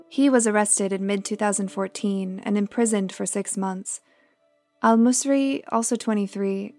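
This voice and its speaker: A woman's voice: mid-range voice, gravelly, a little mellow. A woman podcast host reading scripted news narration. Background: faint music.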